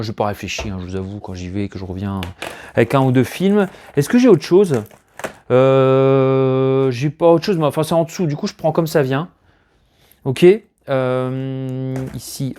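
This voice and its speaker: A man with a darkish, mid-range voice shows his collection finds to the camera in a relaxed unboxing chat from a room in his house. He's hesitant and meandering, with frequent chuckles.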